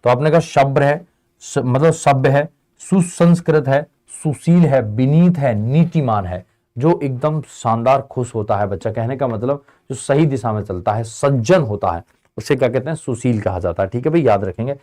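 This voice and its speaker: A man's voice: medium pitch, normal speed, mellow. A male teacher leading an online exam-prep lesson, casually drilling students by asking questions and answering them himself. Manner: call-and-response drilling, answering his own questions; casual, addresses students as beta and bhai. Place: Indian tutoring channel.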